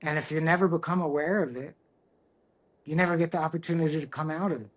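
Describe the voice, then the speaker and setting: A middle-aged man speaks candidly as a podcast guest, his voice sitting a little high for a man. He sounds reflective and earnest, and he often stops and restarts a phrase as he works through a personal story. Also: steady tone, fast talker. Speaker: guest, tattoo artist.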